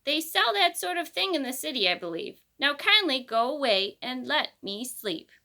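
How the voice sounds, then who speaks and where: A woman voicing a cross, deaf old male owl with a scratchy voice, talking loud and impatient. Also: high-pitched, big pitch swings, normal speed, exaggerated voice. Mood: dismissive.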